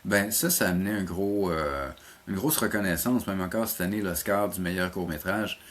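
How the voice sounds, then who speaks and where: In a low-pitched, somewhat bright voice at normal speed, a Québécois-accented animation teacher gives relaxed answers in an interview, frequently pausing to find words and repeating them.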